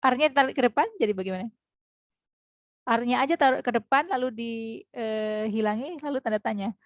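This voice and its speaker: A woman teaching an online English class, explaining slowly and modeling English phrases. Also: a little high, no echo, studio quality.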